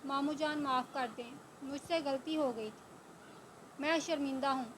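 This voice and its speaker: Woman reading a gentle lovesick young man. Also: sits high, fairly even intonation, noisy background, natural voice. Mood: pleading.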